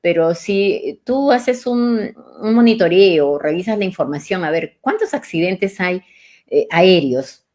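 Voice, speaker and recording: A woman's voice: fairly low pitch, lively intonation, measured pace, a little mellow. A woman hosting a live coaching talk, speaking reflectively and asking the listener questions. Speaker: neuro-coach host. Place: live online session.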